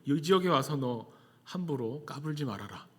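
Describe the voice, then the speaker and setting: A man's voice: fairly high pitch, expressive, normal speed, breathy edge. A man voicing a boastful, menacing male demon that hurls taunting threats, heard with a long hall reverb.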